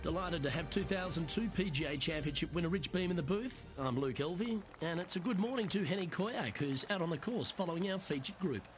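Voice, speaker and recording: A man delivering scripted play-by-play golf commentary for a video game in a brisk, upbeat manner. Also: fairly high pitch, animated. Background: game music.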